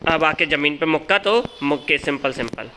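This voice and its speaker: A man giving excited live commentary as he calls out a boss's moves and talks to his character. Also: a little high, fairly quick, a little hiss or hum. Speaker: gaming channel host.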